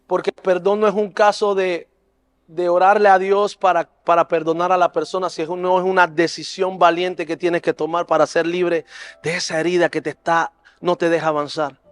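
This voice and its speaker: High-voiced man preaching an earnest testimony. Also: level tone, moderate pace, clean tone, soft background music. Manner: earnest, emotional storytelling that builds to fervent preaching. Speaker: preacher and youth leader. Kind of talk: sermon testimony. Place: church service.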